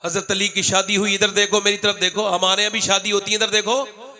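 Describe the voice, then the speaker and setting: A man's voice: high-pitched, little pitch movement, fairly quick, bright, forceful tone. A man preaching a fiery sermon to a gathering, exhorting and repeating questions to draw responses. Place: religious gathering, through a PA.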